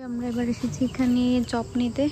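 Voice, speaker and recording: A woman's voice: monotone, fairly quick, warm tone. A young woman talking casually to her viewers in a home and festival vlog, chatty and direct. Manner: chatty, talks to viewers directly, lowers voice to near whisper while baby sleeps. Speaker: vlogger.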